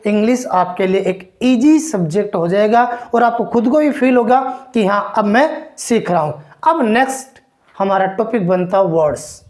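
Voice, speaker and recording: Going sound by sound through English phonetics, a woman repeats each one slowly and asks her listeners questions. Her voice is mid-range with a darkish tone.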